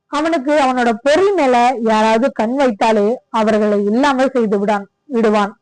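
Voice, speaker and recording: A stern young husband giving a firm warning, read by a woman storyteller. His tone is steady and serious. The recording is dry and close. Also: on the high side, no echo, lightly acted, rough recording.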